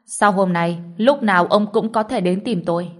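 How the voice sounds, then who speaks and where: A woman's voice: mid-range voice, moderate pace, close to an everyday voice. A woman voicing a confident young male doctor and cultivator who talks curtly and coolly. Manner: cool, curt.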